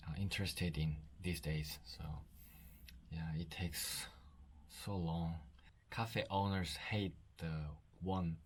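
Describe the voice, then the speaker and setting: A man with a Korean accent chatting casually to his vlog in halting, simple second-language English, on a noisy handheld recording. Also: sits low. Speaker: vlogger.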